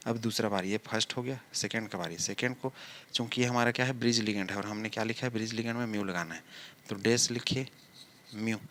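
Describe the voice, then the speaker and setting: Working through a chemistry problem on the blackboard, a man asks himself questions and then answers them, stretching his words slowly as he writes. His voice is on the low side and a bit bright, his intonation fairly even, with slight background noise.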